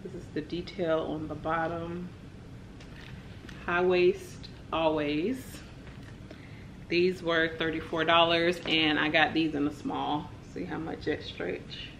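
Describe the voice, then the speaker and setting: Young woman w/ showing her haul, chatty and relaxed, lowish voice, faint room hum. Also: takes it slowly, creaky. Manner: chatty, relaxed, lots of "like" and "y'all". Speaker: vlogger. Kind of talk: casual haul chat to camera.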